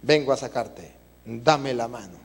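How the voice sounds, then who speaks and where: A man voicing a blind old woman who calmly reassures a lost man. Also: mid-range voice, unhurried, slightly rough, long reverb tail, pitched below the performer's own voice. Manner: soothing, repeating reassurances.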